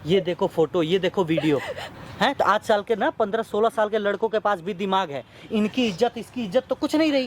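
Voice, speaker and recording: A woman's voice: mid-range voice, expressive, fairly quick, a little hiss or hum. A woman in a family drama, stern and lecturing. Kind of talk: scripted family drama acting.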